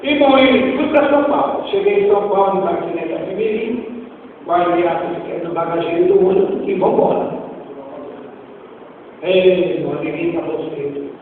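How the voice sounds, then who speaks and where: A man giving a spoken testimony during a church service, telling his story in a lively way and often calling the listener "brother.". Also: sits high, moderate pace, a little hiss or hum. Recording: tinny, distant, echoey hall recording.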